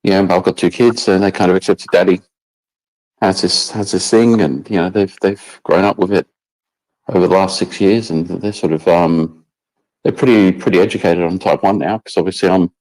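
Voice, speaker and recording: A middle-aged man, speaking in a very low voice. He chats casually as a guest on a video call, rambling and restarting his sentences, with many fillers along the way. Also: fairly even intonation, moderate pace, a little mellow, rough recording. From England. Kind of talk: casual chat.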